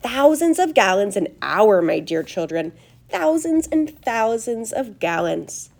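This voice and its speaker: A woman reading the part of an eccentric, excitable male chocolate maker who gushes proudly over his creations. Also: fairly high pitch, a little slow, creaky, heavily acted. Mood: gushing. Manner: gushing, showy, proud.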